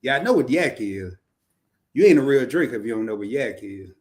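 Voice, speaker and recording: A man's voice: mid-range voice, expressive, brisk, darkish tone. A man co-hosting a podcast in casual chat, playful and joking, often stumbling and restarting his sentences. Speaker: podcast co-host.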